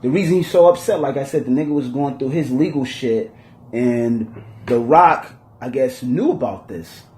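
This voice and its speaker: A man hosting a podcast in casual chat, telling stories in animated street slang and swearing freely. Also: mid-range voice, moderate pace, echoey room. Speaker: podcast host.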